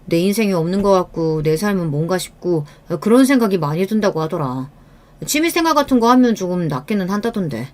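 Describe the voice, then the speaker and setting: A woman's voice: fairly low pitch, big pitch swings, a little fast. A woman doing a casual, offhand friend. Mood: advising. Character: male friend giving casual advice. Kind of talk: scripted radio-story dialogue.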